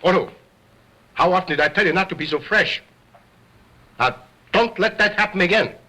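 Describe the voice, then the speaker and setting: A man's voice: medium pitch, lively intonation, measured pace, very noisy, lightly acted. An actor playing an egocentric, stern stage ventriloquist who talks in a grandly formal showman's manner, in an old 1929 film. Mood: pompous. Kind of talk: 1920s stage and film acting. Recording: vintage 1929 film soundtrack.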